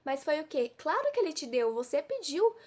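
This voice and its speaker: A woman's voice: high voice, big pitch swings, brisk, darkish tone. A woman from giving an informal devotional sermon, always throwing rhetorical questions at her listeners. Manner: preachy, full of rhetorical questions. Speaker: preacher.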